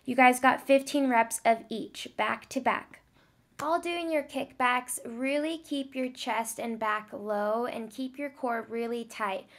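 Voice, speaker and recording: A woman's voice: fairly high pitch, measured pace, a bit bright. A woman fitness vlogger giving encouraging step-by-step workout instructions. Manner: encouraging, coaching.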